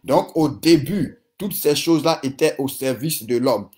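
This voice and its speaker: Man preaching hard, voice a bit on the high side, repeats his declarations over and over. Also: measured pace, darkish tone. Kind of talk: sermon and prayer.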